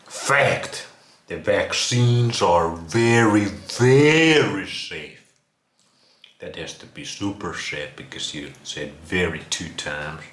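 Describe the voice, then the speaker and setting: A Finnish vlog host from Finland delivers casual, sarcastic reaction commentary, mocking and crude in his wording. His voice sits low with lively intonation, slow and fairly bright, recorded with roomy echo and some background noise.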